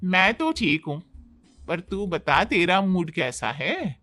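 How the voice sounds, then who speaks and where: Calm older mother, gentle advice, put on by a man. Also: sits high, slow pace, dry recording, soft background music, exaggerated voice. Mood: soothing. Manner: soothing, advising.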